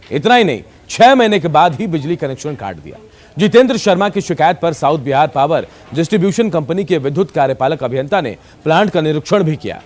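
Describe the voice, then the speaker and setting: Male TV anchor, scripted news voice-over, somewhat high pitch.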